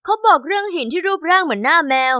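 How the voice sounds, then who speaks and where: Young woman, storytime narrator, high pitch, bright tone, chatty, dry close sound. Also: rapid-fire, no echo. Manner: chatty, expressive first-person telling. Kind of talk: scripted diary-style storytime narration.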